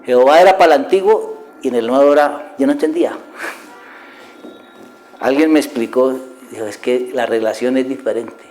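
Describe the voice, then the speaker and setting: A man's voice: medium pitch, moderate pace, darkish tone, rough recording. A middle-aged man preaching with passion, posing rhetorical questions and dropping from a raised voice to a near-whisper. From Colombia. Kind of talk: sermon.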